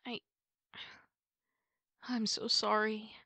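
In an ASMR roleplay, a woman plays a distraught, ashamed werewolf girlfriend, her exaggerated voice gravelly and slightly rough. She sounds weary and apologetic, stammering haltingly with sighs breaking up her words. There's no room sound, though a steady rumbling noise runs underneath.

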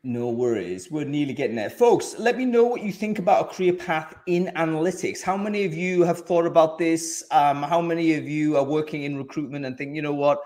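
The host's voice sits fairly high and is a little mellow, moving briskly with few pauses. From a home office, he runs a live video-call panel through an over-ear headset, chatting amiably and frequently restarting or filling gaps.

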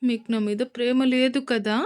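Cute young wife voiced by a woman, pouty, coaxing, pitched higher than her narration, romance audio story. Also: steady tone, moderate pace, darkish tone, natural voice. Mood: pouting. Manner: coaxing, pouting, pleading. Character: cute pouting young wife, playful and sulky.

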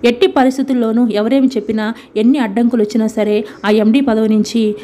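A grieving young son pleads with his dying mother in a tearful, repetitive way, as a woman narrator reads him out. The voice stays dark and flat, with little rise and fall. It is a soap-opera story retelling. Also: a little high, fairly quick, natural voice. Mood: pleading.

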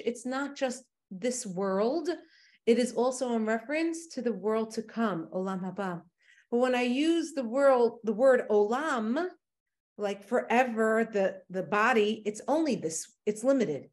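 A woman's voice: on the high side, a little mellow. A woman giving a casual Torah lesson, explaining verses and asking rhetorical questions as she teaches.

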